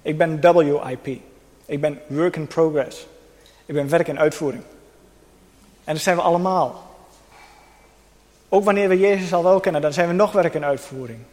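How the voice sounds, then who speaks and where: Earnest male preacher in a reverberant hall. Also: a little high. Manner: earnest, uses pauses and soft emphasis. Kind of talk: sermon with personal testimony. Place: church hall.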